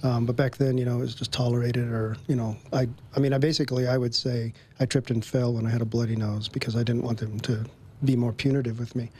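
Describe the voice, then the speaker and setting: A man telling a personal story in an interview, relaxed, with frequent ums and little chuckles between phrases. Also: medium pitch, fast talker, a little hiss or hum. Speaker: guest.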